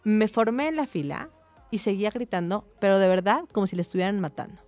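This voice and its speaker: A woman in her thirties or forties with a Mexican accent, a psychologist, telling a personal anecdote in lively conversation. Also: medium pitch, fast talker, faint music behind. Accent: Mexican Spanish. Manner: animated, tells anecdotes with quoted dialogue. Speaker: psychologist, guest or co-host. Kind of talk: casual conversational storytelling.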